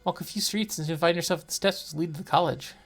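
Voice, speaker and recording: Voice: medium pitch, fast talker. A co-host reading aloud the narration of a horror game and breaking off for joking asides.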